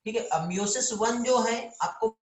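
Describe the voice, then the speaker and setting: A man's voice: very high voice, unhurried, roomy sound, noisy background. A man teaching biology in a live online lecture, calling students "beta" and often checking whether they understand.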